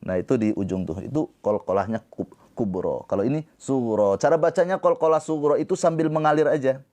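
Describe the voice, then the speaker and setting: A man teaching tajwid on a live stream, explaining slowly and patiently and breaking into drawn-out chanted recitation. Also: mid-range voice, darkish tone. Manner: talks to viewers in the comments.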